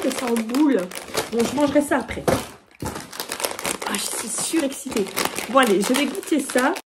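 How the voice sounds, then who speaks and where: A bubbly woman chats to the camera as she unboxes a parcel, her voice sitting a little high. She gets excitable and giggly. A faint background hiss runs under the recording. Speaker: vlogger. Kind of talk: casual unboxing vlog.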